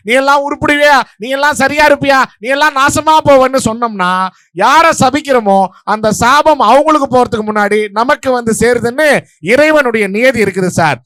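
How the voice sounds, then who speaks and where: A man from Vellore district in Tamil Nadu, judging a stage debate and giving his verdict in a rapid, playful, story-driven speech to a live audience. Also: very high-pitched, fairly bright tone, no echo, clean studio sound. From Vellore district, Tamil Nadu, India.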